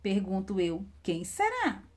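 A woman's voice: mid-range voice, huge pitch swings, takes it slowly, exaggerated voice. A woman doing a teasing young riddler. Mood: playful riddling. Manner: singsong teasing riddle delivery. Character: clever charming young man asking riddles. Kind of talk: children's storytelling.

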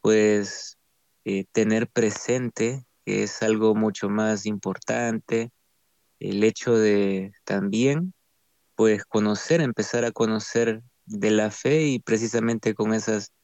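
Man, young adult, Salvadoran accent, faith testimony, unhurried, fillers, gravelly, dry. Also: on the low side, steady tone, darkish tone, no echo. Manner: slow, halting, with frequent fillers. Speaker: guest. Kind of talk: testimony interview.

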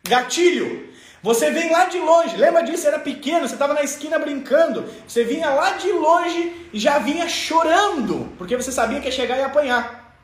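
A man's voice: very high voice, animated, moderate pace. A man from Rio Grande do Sul with a southern Brazilian accent giving an emphatic, playful motivational talk. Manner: emphatic, playful, acts out examples. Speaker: motivational speaker. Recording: echoey room.

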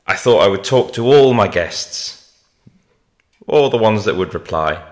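A man with a fairly low voice hosts his podcast in a loose, chatty way. He rambles a little and fills pauses with "um" and "uh." His talk is casual and unscripted. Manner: relaxed, rambling with fillers. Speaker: podcast host.

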